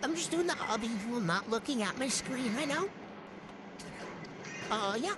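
A young gamer talking through a voice changer, rambling excitably and swearing while playing, with a cold and hiccups. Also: mid-range voice, normal speed. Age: student. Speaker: gamer vlogger. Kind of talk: casual gameplay commentary. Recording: loud background noise.

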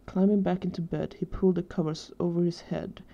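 A woman reads fan fiction aloud in a steady storytelling manner. Her voice is low and very dark and mellow. The recording sounds dull and lo-fi. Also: a little fast.

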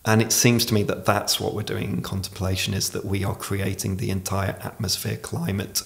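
A low-voiced man with plenty of creak talks as a podcast guest. He says his r's like w's and explains things in a reflective, conversational way. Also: level tone, a little fast. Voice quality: pronounces r as w. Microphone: podcast microphone on desk stand.

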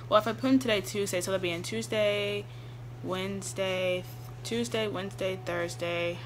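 A woman's voice: lowish voice, background noise. A young woman in a casual, rambling vlog, chatting to her viewers with easy laughs. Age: young adult. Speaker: vlogger. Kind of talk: casual chat.

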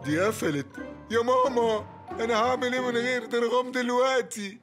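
A man's voice: sits high, animated, fast talker, loud music behind the voice. A man voicing a clingy, goofy adult cartoon friend in an Egyptian Arabic accent, dramatic and whiny. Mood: distraught. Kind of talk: cartoon dub acting.

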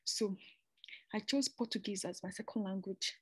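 Explaining a master's program through an informal slide presentation, a young Nigerian woman stays chatty and conversational, often restarting phrases and adding asides. She has a husky, medium-pitched voice at normal speed, recorded with no room sound.

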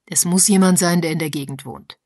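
A man's voice: fairly high pitch, brisk, darkish tone, no room sound, studio quality, lightly acted. A woman reading an urgent, insistent male sleuth. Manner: urgent, raised voice.

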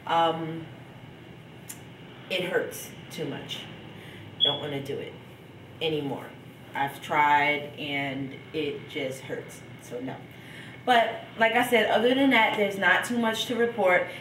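A woman's voice: low voice, takes it slowly, pauses often, distant mic, noisy background. A young woman chatting casually in a home video diary, stuffed up with a cold and laughing between thoughts. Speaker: vlogger. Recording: echoey room, from off the mic.

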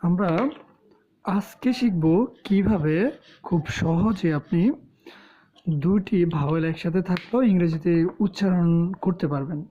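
A woman with a Bangladeshi Bengali accent teaching English pronunciation, explaining slowly with pauses and fillers. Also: fairly low pitch, dark tone, husky. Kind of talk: spoken lesson. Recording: dull lo-fi sound.

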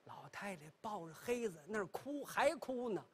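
A man's voice: moderate pace, slightly rough. A man telling a traditional pingshu story on a television stage, leisurely with chatty asides. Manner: leisurely, chatty asides, wide expressive pitch.

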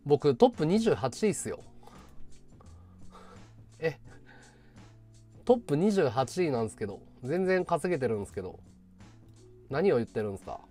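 A man's voice: a little high, big pitch swings, moderate pace, pauses often, mellow, faint music behind. A man livestreaming in casual chat, answering viewer comments with sarcastic, combative ranting.

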